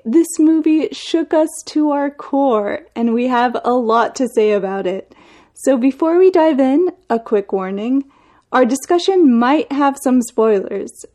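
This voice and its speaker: A woman co-host opens the podcast in an upbeat, clearly read style. Her voice sits a bit high. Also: mellow. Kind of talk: scripted podcast intro.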